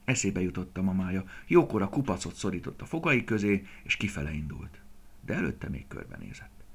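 A man's voice: sits low, huge pitch swings, vocal fry, breathy edge. A man narrating a children's story expressively, often dropping to a whisper.

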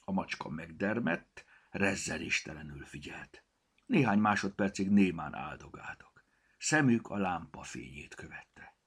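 A man with a very deep, gravelly voice reading a storybook aloud. His delivery is expressive, with a lively rise and fall. At times it sinks into a husky, breathy hush. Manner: expressive reading, often hushed. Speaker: narrator. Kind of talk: storybook narration.

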